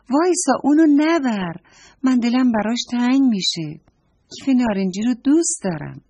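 A woman's voice: medium pitch, darkish tone, breathy edge, dry recording. A woman voicing a stubborn, sulky little girl in a children's story, talking in a whiny, petulant way.

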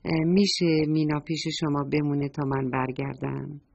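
A woman's voice: low voice, steady tone, gravelly, darkish tone, voice pushed down. A woman voicing a polite neighbor mother who hesitantly asks a favor, on a dull lo-fi recording. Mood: apologetic.

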